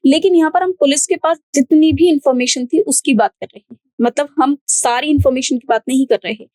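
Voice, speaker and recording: A woman's voice: sits high, a little mellow, no room sound, poor audio. A woman with an Indian accent, an English teacher giving an exam-prep grammar lesson and patiently repeating her key points.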